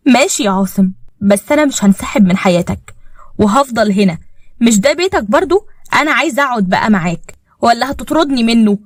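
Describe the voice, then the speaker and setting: A possessive young fiancée , as a woman narrator puts her on, needling and demanding in a rapid Egyptian voice. The delivery is close and dry. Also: on the high side, expressive, no room sound. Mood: sly.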